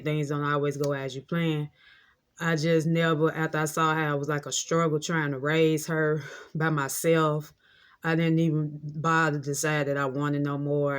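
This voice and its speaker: A woman in her late thirties telling a rambling, heartfelt story in a casual monologue, often repeating herself. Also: deep voice. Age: 30s. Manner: heartfelt, reflective. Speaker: vlogger.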